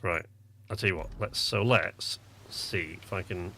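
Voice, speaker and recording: A man's voice: sits low, a little slow, gravelly, sharp tone. A man hosting a co-op game livestream, talking casually and rambling as he plays. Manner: chatty, rambling, thinks aloud. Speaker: livestream host. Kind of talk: casual gameplay commentary. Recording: noisy stream audio with game sounds.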